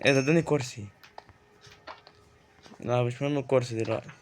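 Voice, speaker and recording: A gaming YouTuber with an Egyptian Arabic accent gives casual, joking Let's Play commentary, chatting back at the game's creatures. His medium-pitched voice is steady and fast, with a little hiss or hum in the audio.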